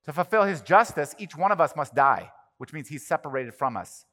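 A man's voice: on the high side, animated, brisk, fairly bright tone. A pastor preaching a sermon to his congregation, talking in a conversational way and often checking in with his listeners. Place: church sanctuary. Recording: long reverb of a large hall.

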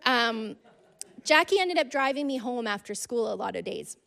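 A woman telling a personal faith story to a congregation, earnest and conversational, with frequent "like"s and soft laughs. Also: fairly high pitch, expressive, normal speed, gravelly. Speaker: speaker sharing a testimony. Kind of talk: personal testimony in a church talk.

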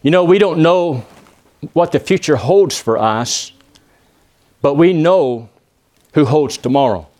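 A visiting preacher from Texas, speaking with a Texan accent, delivers a church sermon and prays in a slightly high, animated, darkish voice. He's halting, with many "uh" pauses and restarts, and peppers his phrases with "amen?" to get the congregation to answer.

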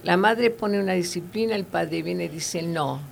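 A woman's voice: fairly low pitch, moderate pace, gravelly, slight background noise. A woman giving earnest, conversational Bible teaching, with fillers and tag questions.

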